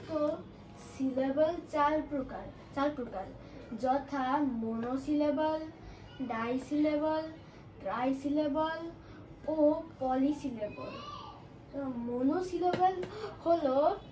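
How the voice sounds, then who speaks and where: A woman with a Bangladeshi accent giving a lesson as a teacher, explaining slowly and carefully and drawing out example words syllable by syllable. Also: high-pitched, a little mellow, slight background noise, poor audio.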